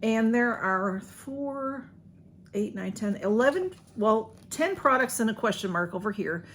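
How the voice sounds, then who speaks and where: A woman's voice: a little high, lively intonation, measured pace, fairly bright tone. An American woman chatting casually to viewers as she unboxes, folksy and rambling, with slightly slurred speech. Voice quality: slightly slurred speech from a sore tongue or mouth. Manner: folksy, rambling, says y'all often. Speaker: vlogger doing a beauty box unboxing. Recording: faint background room noise.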